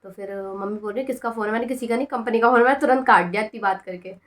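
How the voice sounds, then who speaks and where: A young woman in her twenties telling a personal story in a casual, animated way, laughing often and acting out what people said. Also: on the high side, rapid-fire. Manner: animated, laughing often, acts out quoted lines. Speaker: vlogger.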